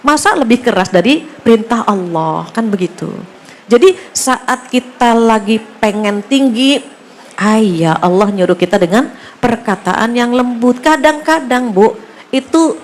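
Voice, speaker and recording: A middle-aged woman giving a sermon to women, chatty and lively, often turning to her listeners and acting out little dialogues. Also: a little high, a little hiss or hum. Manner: acts out dialogue in shifting voices. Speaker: religious teacher.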